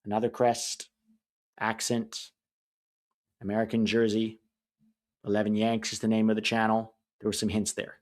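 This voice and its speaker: In a fairly low, monotone voice, a man co-hosts a live soccer watch-along, chatting casually about the match. He airs blunt opinions and vents frustration quickly, speaking with a mixed accent that's hard to place.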